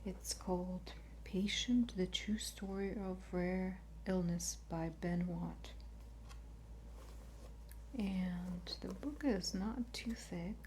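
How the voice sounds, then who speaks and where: A woman speaking in a soft, breathy library whisper, quietly and unhurriedly presenting as an ASMR host. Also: on the low side, fairly even intonation, takes it slowly, a little hiss or hum. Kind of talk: soft-spoken ASMR whisper, library-style book show and tell.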